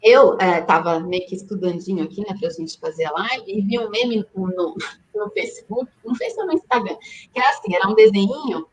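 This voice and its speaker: A woman's voice: medium pitch, lively intonation, fairly quick, a little hiss or hum, rough recording. Chatty woman designer. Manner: conversational, with frequent tag questions. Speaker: graphic designer, host. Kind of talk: casual live-stream chat.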